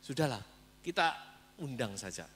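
A man's voice: medium pitch, animated, normal speed, a bit bright, natural voice. A man voicing a scheming, pushy king who grumbles and coaxes in a raised voice during a sermon. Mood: grumbling.

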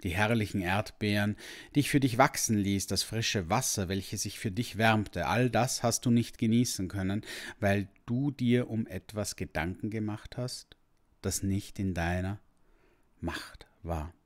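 A deep, rumbling old dragon from a storybook, voiced by a man reading aloud. He talks slowly, solemn and fatherly, patient with a child who disappointed him. The voice stays low and measured. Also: close to an everyday voice. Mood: wise. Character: ancient wise male sun dragon, kind and patient.

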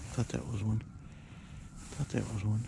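A man's voice: lowish voice, level tone, takes it slowly, gravelly, background noise. A man casually talking to himself while fishing off a dock, filmed on a body-worn camera. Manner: muttering, coaxing the fish. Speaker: angler filming his fishing trip. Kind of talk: casual self-talk while ice fishing. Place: outdoors on a dock by a lake. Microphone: body-worn action camera.

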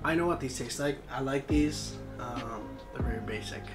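A young woman with a distinctly low voice chats casually while eating sour candy. Her remarks come in short clipped bits, and music plays clearly behind her. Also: moderate pace. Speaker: vlog co-host taste-testing candy. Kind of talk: casual chat. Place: small bedroom, indoors.

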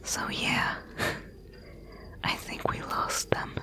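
A woman voicing a wry, bossy thief mentor in a breathy, hushed whispered role-play, giving instructions. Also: drawn-out words. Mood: amused, recounting.

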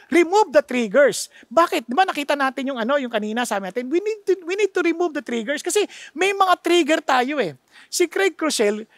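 Filipino pastor, high voice, emphatic sermon delivery, rhetorical questions, dry close sound. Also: male voice, fairly bright tone, dry recording. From Philippines. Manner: mixes Tagalog with English phrases.

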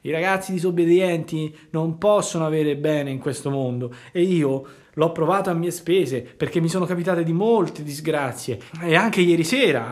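A man voicing Pinocchio, a naive, excitable wooden puppet boy, in an eager, wide-eyed way. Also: fairly high pitch, voice pushed up, natural voice. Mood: fretful.

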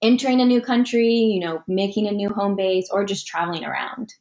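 A woman's voice: medium pitch, a little fast, a little mellow. Bubbly young woman podcast host. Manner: bubbly, laughs often, gushing praise. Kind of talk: casual video podcast conversation. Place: living room indoors.

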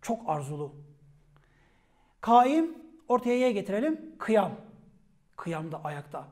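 A man with a high-pitched voice leads a vocabulary lesson on old word roots. He calls out each term sharply, then drops into a quieter, falling voice to explain it. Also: big pitch swings, takes it slowly. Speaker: teacher.

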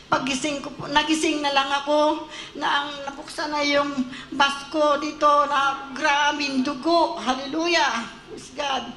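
A woman's voice: high-pitched, steady tone, unhurried, sharp tone, roomy sound. A woman giving a fervent church testimony, often breaking off to say hallelujah and praise God. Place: church service.

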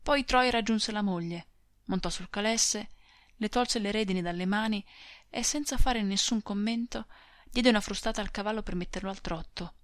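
A woman narrating a classic novel as an audiobook reader, in a measured, expressive literary reading. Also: medium pitch, no room sound, clean studio sound. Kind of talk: scripted narration.

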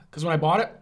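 A man casually reviewing spicy chicken bites for his vlog, gasping and groaning as his mouth burns from the hot sauce. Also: background noise. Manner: animated, groaning and gasping from the heat. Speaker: food reviewer.

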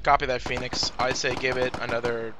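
Guy doing mil sim radio calls, swears a lot, average pitch, noisy game chat w gunfire. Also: flat delivery, a little fast. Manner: profane, military radio jargon. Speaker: player acting as forward air controller in a military simulation game. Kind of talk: radio callouts and casual squad chat while gaming. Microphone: gaming voice chat.

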